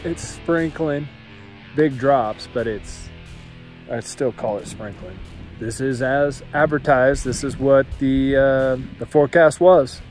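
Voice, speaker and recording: A middle-aged man with a medium-pitched voice takes his time as he vlogs solo from a forest camp beside a mountain lake, holding his phone at arm's length. He starts out easygoing and grows excited once the storm arrives, with soft music playing in the background.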